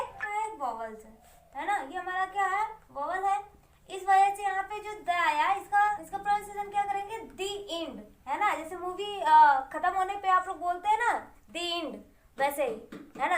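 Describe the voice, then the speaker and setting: High-voiced woman teaching a grammar lesson. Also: a bit bright. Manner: asks questions and answers them herself, repeating key words. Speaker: English teacher. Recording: echoey room.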